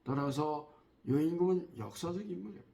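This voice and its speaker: A man giving a spoken history lecture in a measured way, often pausing on drawn-out fillers and asking the listeners rhetorical questions. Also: on the high side, animated, gravelly, mellow.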